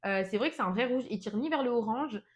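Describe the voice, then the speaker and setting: A woman's voice: on the high side, lively intonation, fast talker, highs cut off. A young French woman chatting casually through an unboxing, enthusiastic and full of fillers, as a nail product vlogger.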